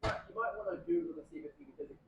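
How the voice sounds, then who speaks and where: A man's voice: high-pitched, rapid-fire, a loud crowd. A man playing at a tabletop game, joking and asking questions. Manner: joking, asks rules questions. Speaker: player. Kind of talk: casual chat at a game table. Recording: echoey room with faint hiss.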